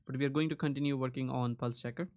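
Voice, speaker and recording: A man's voice: mid-range voice, fairly even intonation, quick pace, lo-fi sound. Man chatting casually on stream. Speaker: live coding streamer, host. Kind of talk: casual livestream chat.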